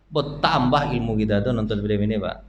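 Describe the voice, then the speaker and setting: A man's voice: fairly low pitch, brisk. A man, giving a conversational dawn study lecture in a mosque, constantly quizzing his listeners and using homely, humorous examples. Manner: chatty, quizzes the audience with constant questions. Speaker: Islamic preacher. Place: mosque hall. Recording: echoey mosque hall, faint background noise.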